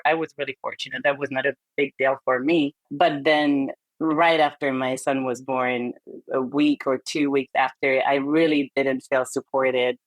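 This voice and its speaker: This guest on a casual podcast interview is a woman in her thirties from Hungary whose accent comes through as she talks. Reflective and frank, she leans on hesitant fillers. The recording is low in quality and free of echo, and her voice is on the low side.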